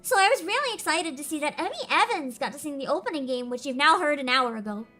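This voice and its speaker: A game streamer chats casually with her viewers and giggles, her throat congested from screaming. Her voice sits high and sounds animated and sharp, and she talks fast as she addresses chat in this live-stream conversation.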